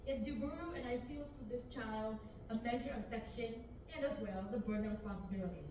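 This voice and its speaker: A young adult woman, an amateur reader at a student table reading, recites verse from a mock-Shakespearean script in a fairly high, fast voice. She's captured by a far-off camera in a large, echoey, noisy indoor rehearsal room, so she sounds distant.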